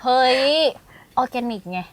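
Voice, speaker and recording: A young woman co-hosting a talk show in casual chat, playful and teasing. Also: measured pace.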